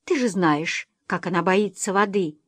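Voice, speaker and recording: A woman's voice: measured pace, husky, no echo. A woman voicing a worried husband who speaks steadily, trying to reassure his wife. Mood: reassuring. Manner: steady, low-key, urging. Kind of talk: audiobook character voicing.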